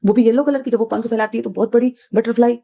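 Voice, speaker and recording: A woman's voice: fairly high pitch, steady tone, quick pace, gravelly, dark tone. A middle-aged woman telling a casual devotional testimony, chatty and full of fillers and restarts, addressing her listeners as sangat ji. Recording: dull lo-fi recording.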